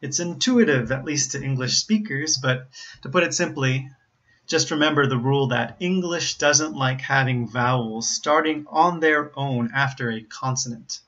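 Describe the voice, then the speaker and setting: An American man giving an instructional pronunciation lesson, explaining carefully and enunciating examples deliberately. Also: mid-range voice, a bit bright. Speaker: English pronunciation teacher. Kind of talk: instructional explanation with word demonstrations. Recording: slightly dull, lo-fi audio.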